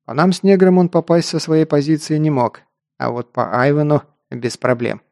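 A male narrator with a dark, gravelly voice reads a first-person action story. His delivery is brisk and wry, recorded close and completely dry. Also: a little high, steady tone, no echo. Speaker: audiobook narrator.

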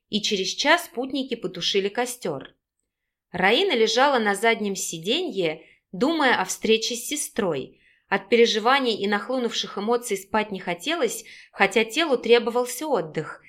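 A woman narrates a novel as an audiobook in a steady, even storytelling read. Her voice sits a bit high for a woman. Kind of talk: scripted narration.

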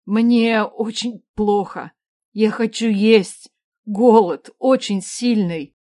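A woman reading a fantasy audiobook, voicing a frightened, starving middle-aged peasant woman who stammers and pleads slowly through sobs. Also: medium pitch, steady tone, darkish tone, no room sound, studio quality, close to an everyday voice. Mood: pleading. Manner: stammering, sobbing, slow and pleading. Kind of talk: audiobook character voice.

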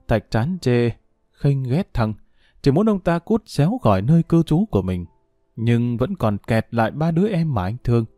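A man's voice: medium pitch, no echo, studio quality. A man narrating a story expressively, voicing every character. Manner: expressive, voices all characters. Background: faint music.

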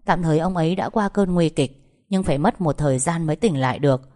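A woman voicing a calm, professional male doctor who reassures a patient's family in a spoken story. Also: sits low, brisk, lightly acted. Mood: reassuring. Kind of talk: audiobook storytelling.

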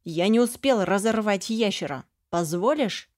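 A woman voicing a proud, headstrong young boy dragon, speaking in a high, excited and indignant voice. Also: measured pace, dry recording, clean studio sound, natural voice. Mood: petulant.

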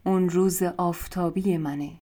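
A stern old witch woman, curt and commanding, barking orders in a low, mellow voice, as a woman reads her lines in a storybook audiobook. She sounds grumpy and demanding throughout. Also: steady tone, close to an everyday voice.

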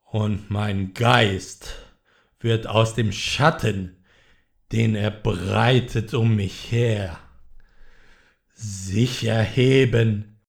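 A middle-aged man giving a dramatic poetry recitation, solemn and brooding, rising into loud impassioned pleading. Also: on the low side, steady tone, drawn-out words, creaky, long pauses. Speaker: poetry reader.

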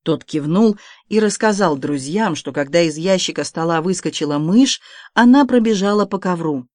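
An audiobook narrator reading an adventure novel in expressive, scripted narration. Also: medium pitch, moderate pace, no room sound, studio quality.

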